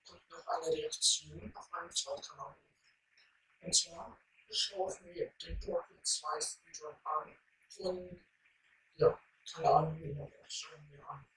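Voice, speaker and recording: A young man with an altered voice from a voice changer, chatting casually and haltingly as a gaming YouTuber. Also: on the high side, fairly bright tone. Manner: halting, hesitant delivery. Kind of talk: casual chat over gameplay. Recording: distant roomy mic with faint noise.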